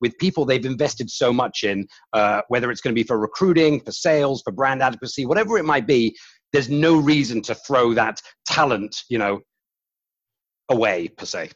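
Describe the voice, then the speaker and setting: A man's voice: mid-range voice, animated, normal speed, no room sound, muffled recording. A male podcast guest and company chief executive, answering interview questions in a casual, self-deprecating way with fillers and restarts.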